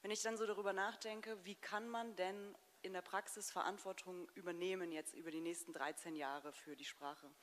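Low-voiced woman reasoning aloud on stage. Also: steady tone, normal speed, hardly any pauses, fairly bright tone, a little hiss or hum. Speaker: interviewer. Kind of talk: stage interview.

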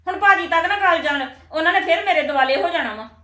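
A woman's voice: very high-pitched, quick pace, sharp tone, reverberant. A woman with a Punjabi accent, acting a defensive elder sister-in-law in a scripted family drama. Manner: defensive, then placating.

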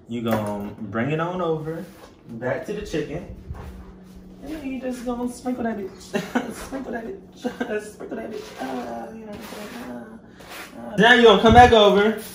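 This home cooking vlog host is a man in his twenties from Louisiana, with a Southern US accent and a fairly high-pitched voice. He chats to viewers in animated, playful, sassy slang. Recorded indoors in his echoey kitchen by a camera a step or two away, the audio carries some background noise.

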